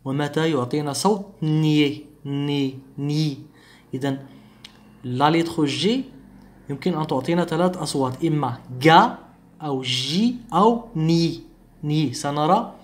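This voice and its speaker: A man teaching a phonetics lesson, speaking slowly and repeating each sound and example with care. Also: on the high side. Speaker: French teacher.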